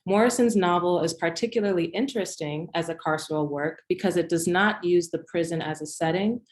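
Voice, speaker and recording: A young woman reading a scripted conference talk as a presenter, formal and composed. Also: low-pitched. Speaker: academic presenter, doctoral candidate.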